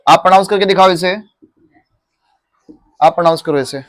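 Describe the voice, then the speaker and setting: A man's voice: sits high, a little fast, fairly bright tone, dry recording. A male teacher in a classroom, drilling students on pronunciation and patiently repeating words, mixing English into his Hindi.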